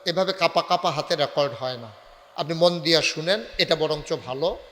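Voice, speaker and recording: Bright-voiced preacher chanting his sermon. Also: fairly high pitch, moderate pace, big-room sound. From Bangladesh. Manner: breaks into sung, chanted delivery and rouses the crowd to call back; banters with the audience and gives directions to the crowd. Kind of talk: Bengali waz sermon. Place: large night gathering.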